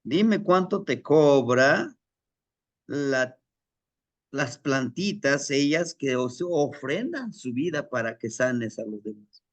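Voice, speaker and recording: A man's voice: medium pitch, animated, slow pace. A man voicing an old healer father who patiently questions his son. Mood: patient questioning.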